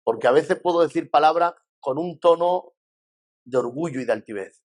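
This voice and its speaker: A man's voice: a little high, normal speed. A man with a Spain Spanish accent, a pastor giving a conversational church lesson, acting out what people say and asking rhetorical questions. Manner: lively, acts out quoted voices, rhetorical questions.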